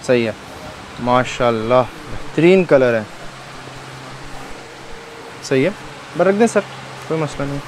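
A man's voice: mid-range voice, lively intonation, takes it slowly, pauses often. Male vlog host; friendly running commentary, handheld mic in a noisy shop. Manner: chatty, frequent affirmations. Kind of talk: casual shop-tour commentary. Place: indoor fabric warehouse.

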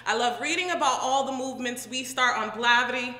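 Bright punchy woman performing poetry. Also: high-pitched, a little fast. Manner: proud, punchy, animated. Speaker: poet. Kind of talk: spoken word performance. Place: community room, indoors. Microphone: stand mic. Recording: echoey room with long reverb.

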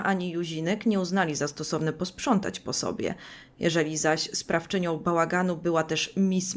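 A woman narrating a scripted video essay, reading book passages aloud with dry, sarcastic commentary. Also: lowish voice.

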